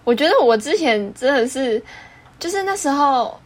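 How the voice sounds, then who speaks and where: A young woman in her twenties with a Taiwanese Mandarin accent, co-hosting a podcast in casual chat, teasing and quick to laugh. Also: high voice, animated. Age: 20s. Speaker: podcast co-host.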